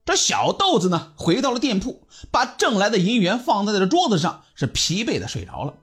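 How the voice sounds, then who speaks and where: A man telling a story in an animated, dramatic way and voicing all of its characters. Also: high-pitched, fairly quick, husky, soft background music. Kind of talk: storytelling narration.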